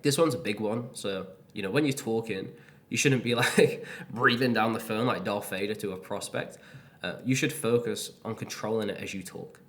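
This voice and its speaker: A man's voice: on the low side, normal speed, a bit bright. A man teaching cold-calling in a casual, plain-spoken way. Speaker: sales coach. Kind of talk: instructional talk to camera.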